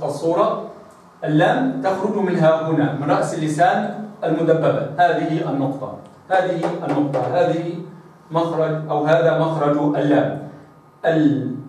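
An Egyptian man leads a lesson on pronouncing recited Arabic. His voice sits a little high and carries from some distance off the mic. It rings through a very echoey room, and he stretches out each example word with slow, deliberate care. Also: darkish tone. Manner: slow, deliberate demonstrations with drawn-out recited words. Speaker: Quran recitation teacher. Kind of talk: instructional lesson on letter articulation.

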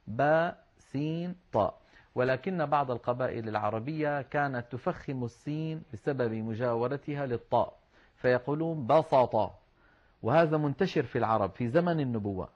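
A man teaching Quran recitation rules, patiently explaining step by step and slowing down to demonstrate words. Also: medium pitch. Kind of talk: explanatory religious lesson. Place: online class with shared screen. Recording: slightly dull lo-fi sound.

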